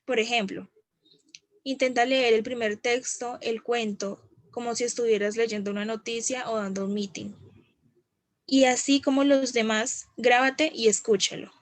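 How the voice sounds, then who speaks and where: A woman student reads practice texts aloud carefully over a video call. Her voice is somewhat high. It sounds close and dry. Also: steady tone, normal speed, no echo.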